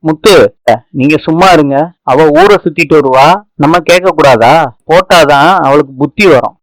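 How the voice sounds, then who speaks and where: A man's voice: fairly high pitch, normal speed, no echo, lightly acted, rough recording. A man voicing a scornful middle-aged mother-in-law who scolds and sneers, in a serial recap.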